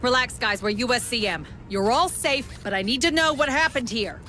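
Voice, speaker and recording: A woman's voice: on the high side, lively intonation, moderate pace, sharp tone. An actress playing a confident young female marine, direct and assertive. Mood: reassuring.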